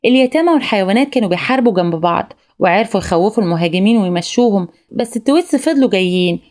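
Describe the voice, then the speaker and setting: A woman with an Egyptian Arabic accent narrating a recap of an animated film in a brisk, even storytelling manner. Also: medium pitch.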